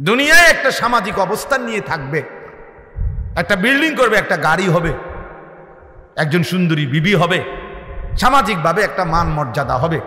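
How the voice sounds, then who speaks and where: A man preaching a waz sermon, impassioned and rising to loud chanted peaks. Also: sits high. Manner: calmer, stern when addressing the audience. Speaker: Islamic preacher. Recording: echoey hall with long reverb.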